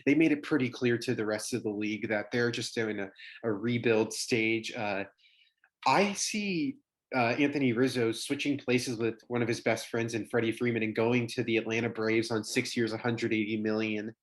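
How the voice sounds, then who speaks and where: A man's voice: medium pitch, normal speed. A man giving informal, opinionated sports takes as a podcast panelist.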